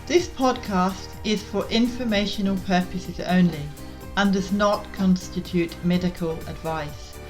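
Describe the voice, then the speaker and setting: A woman hosts a podcast interview in a friendly, encouraging way. Her voice sits at a medium pitch, and soft music plays faintly behind her. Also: a little slow. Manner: friendly, encouraging, brief affirmations. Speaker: podcast host.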